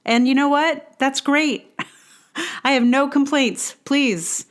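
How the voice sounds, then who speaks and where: Her voice is high-pitched and slow. She's a middle-aged playwright, actor and podcast host delivering a casual, reflective monologue alone, wandering hesitantly through her thoughts with self-deprecating jokes.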